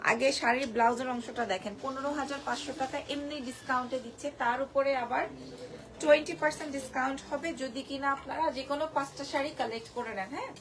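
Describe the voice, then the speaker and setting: Hoarse high-voiced woman selling saris live. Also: steady tone, fast. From Bangladesh. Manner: gushing, repeats prices and discount. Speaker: live-sale presenter. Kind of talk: live-stream sales pitch.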